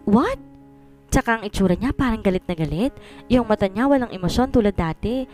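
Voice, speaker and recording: A woman's voice: mid-range voice, lively intonation, fast, a little mellow. A woman narrating a first-person romance story in a chatty, self-talking way, over faint background music. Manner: chatty, self-talking, mixing English into Tagalog.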